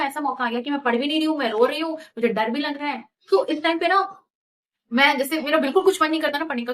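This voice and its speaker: A young woman in her twenties casually telling her own story, chatty and animated, slipping English phrases into her talk. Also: on the high side. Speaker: vlogger.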